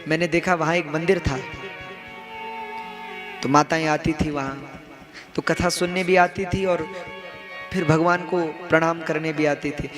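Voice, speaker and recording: Over clearly audible instrumental devotional music, a young male religious storyteller gives a katha sermon in a fairly high voice. He speaks a little slowly with frequent pauses and fairly even intonation, putting rhetorical questions to the audience and addressing them as "bhaiya."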